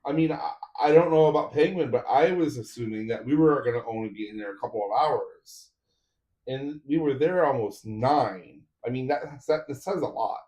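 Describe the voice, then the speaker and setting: A man's voice: mid-range voice, normal speed, warm tone. A man streaming a 3D printer build, chatting casually with viewers while he assembles parts. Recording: roomy echo.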